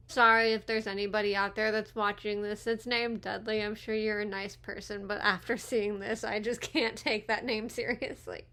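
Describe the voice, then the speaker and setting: Bright, chatty young woman with retainers. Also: medium pitch. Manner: chatty, giggly, goes off on tangents. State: talking around new retainers. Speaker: YouTube movie commentator. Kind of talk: casual movie commentary.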